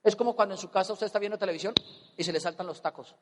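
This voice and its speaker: A Colombian man telling a personal story as a motivational speaker, animated and comic, acting out voices. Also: high voice, very fast, long reverb tail, slight background noise. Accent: Colombian Spanish. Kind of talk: storytelling talk on stage.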